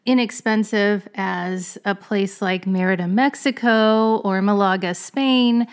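A woman's voice: mid-range voice, steady tone, slow, clear, resonant tone. A woman in her fifties co-hosting a podcast, chatty and upbeat, talking straight to the listeners. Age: 50s. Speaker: podcast co-host. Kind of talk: podcast interview.

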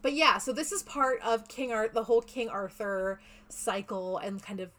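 A woman's voice: fairly high pitch, fairly even intonation, moderate pace, a bit bright. A woman co-hosting a podcast, explaining in a rambling, chatty way. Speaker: podcast co-host. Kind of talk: casual podcast chat.

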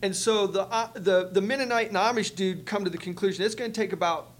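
A man co-hosting a faith podcast, telling a story in casual chat, animated and acting out what people said, with many restarts. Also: high voice, fast talker, slight background noise. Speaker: podcast co-host, church multiplication leader.

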